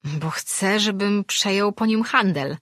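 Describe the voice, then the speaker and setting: A woman's voice: mid-range voice, slow, a bit bright, no room sound, studio quality, pitched above the performer's own voice. A woman reading an audiobook, voicing a merchant's son who is a stubborn, proud young boy. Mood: determined.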